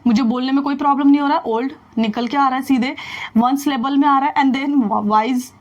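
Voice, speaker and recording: A woman teaching an English grammar lesson in Hindi mixed with English, explaining step by step, asking the learners questions and slowly repeating the words she drills. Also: high voice, fairly even intonation.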